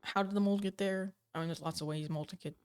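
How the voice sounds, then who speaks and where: A gaming channel host speaks casually to the camera from home in a mid-range, steady, smooth voice that's a little mellow and fairly quick. She rambles and hesitates, restarting often and using lots of fillers, and being sick makes her voice sound slightly off. She's recorded on a desk microphone.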